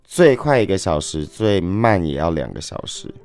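A man with a husky, smoky voice, answering interview questions in a languid, lazy way. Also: low-pitched, sing-song, normal speed, a little mellow, faint music behind. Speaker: guest, drag queen performer.

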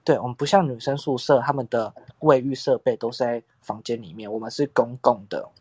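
A man's voice: medium pitch, steady tone, fairly quick, a little mellow, breathy edge, dry recording. A young man, telling a long story in casual chat as podcast co-host, rambling and acting out quotes with frequent laughs.

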